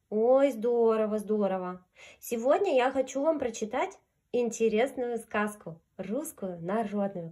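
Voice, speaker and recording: A woman reads a fairy tale to small children. Her voice sits fairly high and she takes her time, with a sing-song storyteller's delivery. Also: dark tone, breathy edge. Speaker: children's storyteller fronting a puppet. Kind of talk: fairy tale read aloud to young children.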